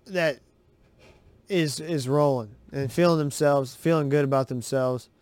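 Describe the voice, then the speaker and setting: A man hosting a sports podcast, giving excitable, rambling, profane commentary over game footage. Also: a little high, a little slow, no room sound.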